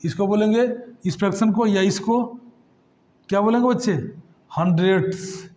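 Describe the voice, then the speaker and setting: A high-pitched man teaches a math lesson to children. He keeps quizzing them, then answers his own questions in a patient, repetitive classroom manner. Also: moderate pace, darkish tone. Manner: addresses students as kids, asks and answers his own questions. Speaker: math tutor.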